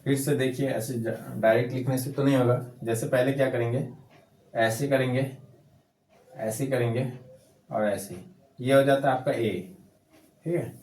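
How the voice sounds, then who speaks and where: Patient Hindi teacher in an echoey room. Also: male voice, medium pitch, fairly even intonation, darkish tone. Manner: slow, repetitive, patient letter-by-letter explaining. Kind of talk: casual handwriting lesson.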